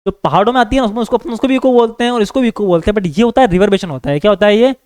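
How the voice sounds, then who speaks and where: A man with a Hindi accent giving a classroom science lecture, asking his students questions and repeating key words, slowing down to read definitions. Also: sits high, a little mellow, smooth, no echo. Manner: repetitive, asks students questions; reads English definitions slowly. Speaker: teacher.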